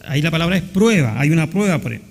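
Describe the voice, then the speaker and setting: Gravelly Chilean pastor preaching in a church. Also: male voice, on the high side, expressive, fast talker, long reverb tail. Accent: Chilean Spanish. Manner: earnest preaching, often asking the congregation questions. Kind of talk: sermon. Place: church sanctuary.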